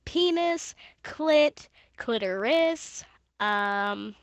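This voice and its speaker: A woman's voice: fairly high pitch, very slow, no room sound. Giggly, crude young woman on a headset. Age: young adult. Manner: crude, giggly, reads in a flat monotone. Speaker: gaming streamer. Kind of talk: casual stream chat and reading fan fiction aloud. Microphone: gaming headset.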